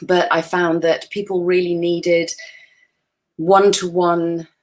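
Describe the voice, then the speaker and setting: Woman, forties, guest presenter; easy, chatty, laughs at herself, slightly low voice. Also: little pitch movement, slow, darkish tone. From Wales. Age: 40s. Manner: chatty, self-deprecating, laughs easily. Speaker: guest photographer. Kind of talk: webinar presentation.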